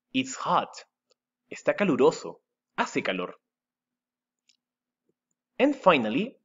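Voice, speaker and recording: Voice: mid-range voice, slightly rough, lo-fi sound. Patient teacher with a Chilean accent. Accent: Chilean Spanish. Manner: patient, drilling words, switches between Spanish and English. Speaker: English teacher. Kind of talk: remote classroom lesson.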